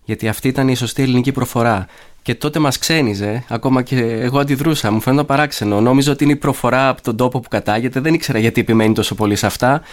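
A mid-pitched man sits as a guest and reminisces about the past. He tells his memories warmly and repeats key phrases, stacking up small examples as he goes. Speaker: guest recalling a former teacher. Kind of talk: reminiscing interview talk.

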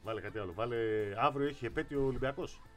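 A man's voice: mid-range voice, fairly bright tone, soft background music. A man co-hosting a casual sports talk show, reading news aloud and teasing his partner.

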